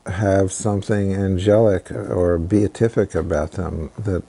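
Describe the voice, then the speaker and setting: A man in a documentary interview, speaking thoughtfully about a poem with halting restarts. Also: low voice, mellow. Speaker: literary scholar interviewee.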